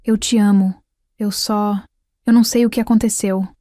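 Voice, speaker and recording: A woman's voice: medium pitch, fairly even intonation, normal speed, dark tone, no echo, studio quality, lightly acted. Woman voicing a tearful, pleading young wife.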